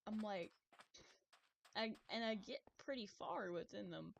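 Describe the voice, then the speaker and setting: A woman's voice: mid-range voice, a little slow, creaky, dull audio, a little hiss or hum. A young woman streaming a game, chatting casually in a rambling, self-deprecating way, laughing often and swearing now and then. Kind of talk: casual gameplay commentary.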